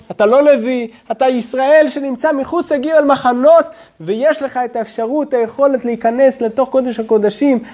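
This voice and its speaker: Man preaching slowly with hushed drops. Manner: slow, deliberate preaching with sudden drops to a low hush. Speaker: rabbi. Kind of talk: sermon.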